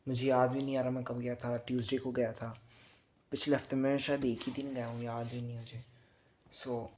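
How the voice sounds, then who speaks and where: A young man in his late teens with an Indian accent, chatting casually in a night-time study vlog. He speaks softly and slowly, sleepy and tired, and rambles a little. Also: mid-range voice, flat delivery, a little hiss or hum. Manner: speaks softly and slowly so as not to wake others; drifts between two languages, rambling and tired. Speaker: student vlogger.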